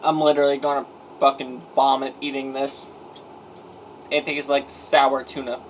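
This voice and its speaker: A man's voice: medium pitch, level tone, normal speed, slight background noise, poor audio. A man filming an eating challenge vlog at home on a phone, groaning and complaining in an exaggerated, self-pitying way as he eats. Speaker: vlogger.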